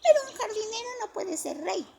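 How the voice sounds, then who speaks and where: A woman's voice: extremely high pitch, very animated, fairly quick, vocal fry, a little mellow, slight background noise, voice pushed up, full character voice. A woman voicing a group of small kindergarten children who tease and question, in a storybook reading. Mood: teasing.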